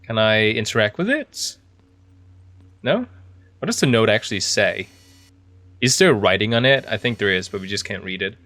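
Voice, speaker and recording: A man's voice: lowish voice, sing-song, moderate pace, long pauses, fairly bright tone, no room sound. A man giving casual video game commentary, thinking aloud in a chatty, easily impressed way. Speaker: video game streamer playing an indie horror game.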